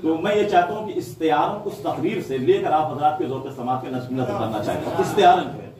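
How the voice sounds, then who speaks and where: A man giving a dramatic devotional sermon at a mourning gathering, telling a story and repeating lines for emphasis. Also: fairly high pitch. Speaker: majlis orator. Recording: echoey hall, far mic, crowd.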